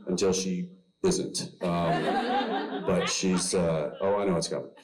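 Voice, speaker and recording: A man on a convention panel chatting easily, halting and joking with a laugh. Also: deep voice, steady tone, a crowd in the background, poor audio. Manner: easygoing, halting, jokes and laughs. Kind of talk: casual panel chat.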